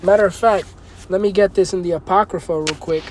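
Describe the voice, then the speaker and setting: Emphatic high-voiced man preaching. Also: fairly even intonation, a little hiss or hum. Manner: emphatic, peppers talk with "all right?" and "man"; reads verses slowly and forcefully. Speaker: bible teacher. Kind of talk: casual scripture read-through and commentary.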